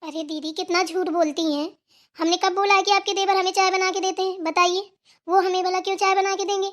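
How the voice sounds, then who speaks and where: A woman's voice: very high-pitched, flat delivery, brisk. A woman voicing a lazy, spoiled young daughter-in-law who talks in a whiny, defiant way.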